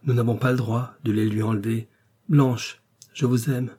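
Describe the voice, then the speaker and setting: A man reading the lines of a pale, impassioned gentleman who pleads earnestly, in halting phrases. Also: medium pitch, fairly even intonation, slightly rough, close to an everyday voice. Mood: pleading passion.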